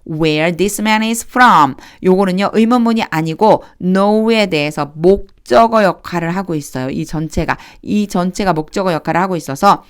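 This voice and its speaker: A woman with a smooth, clear voice explains a reading lesson patiently, one step at a time. She reads each English phrase slowly before going on to explain it. Her pitch sits in an ordinary middle range. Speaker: English Bible reading teacher.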